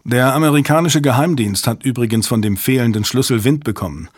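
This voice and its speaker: A male audiobook reader voicing a hurried American conspirator who speaks calmly about killing. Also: mid-range voice, slightly rough, no echo, studio quality, close to an everyday voice. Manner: rushed, calmly threatening.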